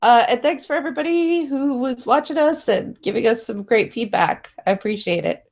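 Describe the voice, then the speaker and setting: A woman chatting casually as a guest, animated, laughing often. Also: on the high side, normal speed. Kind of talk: casual conversation.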